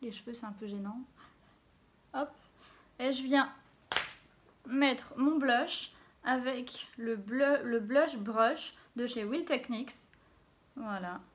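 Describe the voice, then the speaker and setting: A chatty woman beauty vlogger walks through her makeup routine in a relaxed, talkative way, filling pauses with small interjections. Her voice sits a little on the high side, recorded on a phone with a faint hiss behind it. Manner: chatty, fills gaps with little interjections while working. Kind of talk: casual makeup tutorial talk. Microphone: phone camera.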